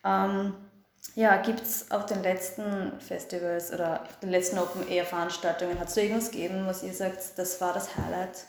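Flat, low-pitched woman interviewer. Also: moderate pace, creaky. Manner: attentive, frequent backchannel. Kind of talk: radio interview. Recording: very echoey room.

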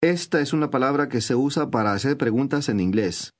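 A man reading scripted instructions for a language course, clear and measured. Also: mid-range voice, lively intonation.

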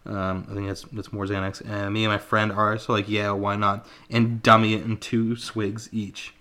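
A man in his twenties reading a story aloud on a casual podcast, laid-back and quick to laugh, swearing freely. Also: fairly low pitch, flat delivery, sharp tone.

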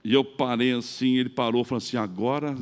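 A middle-aged pastor with a Brazilian Portuguese accent preaching a sermon, telling a personal story and acting out both sides of the dialogue. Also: male voice, medium pitch, fairly even intonation, a little fast. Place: church.

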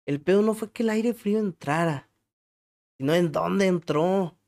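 A man's voice: high-pitched, a little slow, gravelly, a little mellow. A man with a Mexican accent hosting a podcast, telling funny, crude stories about himself in casual slang and laughing at his own jokes. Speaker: podcast host. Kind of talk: casual comic storytelling monologue.

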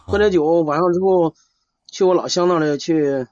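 A man calling in for advice, chatting casually in a hesitant, halting way and repeating himself. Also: fairly high pitch, a little mellow, no echo. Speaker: caller seeking advice. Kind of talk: casual chat. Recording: dull lo-fi live call.

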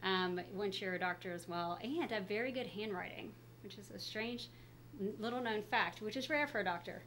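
A woman's voice: medium pitch, a little fast, fairly bright tone, slight background noise, poor audio. Chatty woman talking through a face mask. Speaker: guest pediatrician. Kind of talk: casual interview, telling career story. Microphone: speaking through a face mask.

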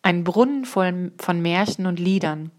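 Woman reading a quiet, wistful storybook boy, soft and lowish. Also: measured pace, lightly acted. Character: gentle sad boy, a quiet young friend.

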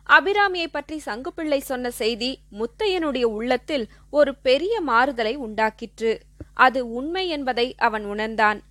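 A woman narrates a classic novel chapter by chapter in a measured, expressive reading voice. Her voice sits high, and the recording is close and dry with no room sound. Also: no room sound. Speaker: audiobook reader. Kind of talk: scripted narration.

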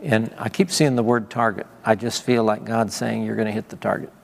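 As a visiting preacher, a man prays fervently over a church congregation, repeating his words in a mix of prayer and sermon. His voice sits on the low side, fairly quick and creaky, with fairly even intonation, echoing through a reverberant church hall.

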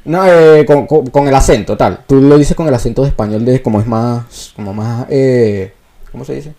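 A man's voice: mid-range voice, moderate pace. A young man with a Venezuelan accent co-hosting a casual chat, talking animatedly with many restarts and questions. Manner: animated, hesitant restarts, asks the others questions. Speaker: podcast co-host.

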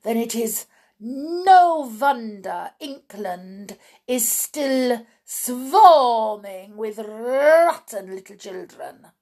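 The shrieking Grand High Witch. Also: animated, very slow, darkish tone, full character voice. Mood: enraged. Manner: shrieking, screeching, foreign-sounding broken English. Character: tiny furious female Grand High Witch.

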